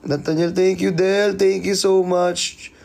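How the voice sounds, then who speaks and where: A man with a high, gravelly voice chats on a live stream. He talks at an unhurried pace and teases his viewers playfully while greeting them one by one. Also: little pitch movement, darkish tone. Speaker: livestreamer. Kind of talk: casual live-stream chat.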